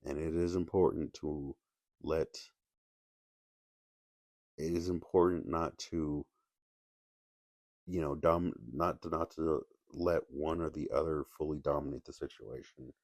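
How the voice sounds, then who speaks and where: A man with a very deep voice talks in a halting, restarting way, his words full of gravelly fry. He keeps his voice low and quiet. The sound is dry and close, with no room echo. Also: steady tone. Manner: halting, many restarts and fillers, kept quiet. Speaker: video essayist. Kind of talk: casual solo commentary.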